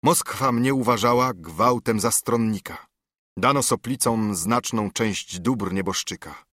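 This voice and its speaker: A man voicing a dying older monk, once a proud nobleman, giving a grave, measured confession in a verse audiobook reading. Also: lowish voice, fairly bright tone, husky, no echo, studio quality.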